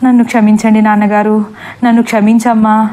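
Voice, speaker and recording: Lady doing a crying young guy begging forgiveness, quick, mellow tone. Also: medium pitch, level tone, natural voice. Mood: pleading. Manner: tearful, pleading. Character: young man, guilty son, tearful and begging.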